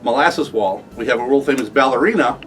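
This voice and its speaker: A man's voice: medium pitch, fairly quick, fairly bright tone, distant mic, faint music behind. A man playing a storytelling game, making up his tale casually. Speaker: game player.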